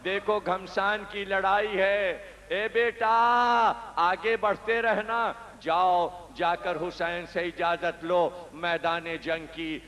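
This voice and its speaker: A man's voice: sits high, fairly even intonation, fairly bright tone. A man preaching voices a fierce, devoted older mother who urges her son on with impassioned, pleading cries. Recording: echoey hall reverb.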